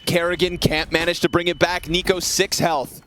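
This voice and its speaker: A man's voice: on the high side, little pitch movement, normal speed, a bit bright, a little hiss or hum. A man calling an esports match play by play, with dramatic, punchy caster delivery.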